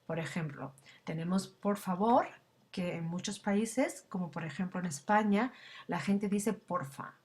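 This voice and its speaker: A woman's voice: lowish voice, measured pace, a little mellow. A woman language instructor giving a recorded slide lecture, explaining step by step with frequent fillers and tag questions.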